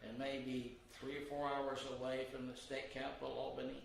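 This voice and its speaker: Gravelly man chatting in an echoey room. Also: mid-range voice, flat delivery, normal speed. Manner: laid-back, short agreeing replies. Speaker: co-host. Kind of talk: casual chat. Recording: echoey room with faint noise.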